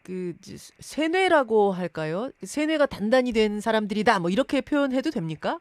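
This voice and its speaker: A woman's voice: a little high, lively intonation, moderate pace, no echo. A woman hosting a radio news interview, articulate and emphatic, posing questions to the listeners and the guest. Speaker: radio news show host.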